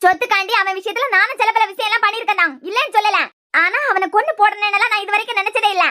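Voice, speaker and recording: A woman's voice: extremely high pitch, steady tone, racing, bright, forceful tone. A woman voicing a harsh, accusing middle-aged mother-in-law in a cartoon serial, with a Kanyakumari Tamil accent. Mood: scolding.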